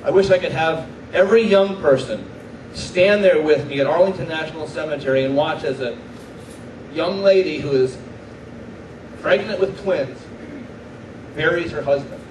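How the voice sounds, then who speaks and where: A middle-aged man, a military chaplain, giving an earnest inspirational speech to a live audience and slowing down to stress his key points. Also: fairly high pitch. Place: large room before an audience. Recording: echoey room, distant mic, faint background noise.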